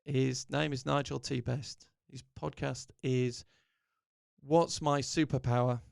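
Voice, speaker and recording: A man's voice: mid-range voice, steady tone, takes it slowly, vocal fry, clear, resonant tone, dry recording, clean studio sound. A middle-aged man hosting a podcast, giving an earnest, encouraging motivational talk that rambles with restarts. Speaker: podcast host.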